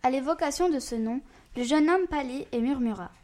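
A woman's voice: sits high, brisk, a little mellow. A woman reading a storybook aloud carefully, with occasional slips.

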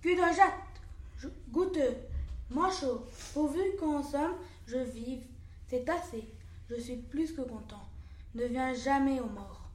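A woman's voice: high voice, slow pace, darkish tone, roomy sound. A woman voicing a miserable man in a recited fable, dramatic and lamenting. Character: miserable wretched man begging.

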